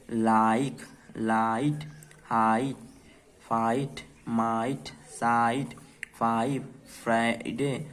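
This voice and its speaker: A man teaching English reading to beginners, spelling out words letter by letter, asking quick questions and answering them himself. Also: medium pitch. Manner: repetitive, checks in with "ठीक है" and quiz questions. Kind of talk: phonics lesson for beginners.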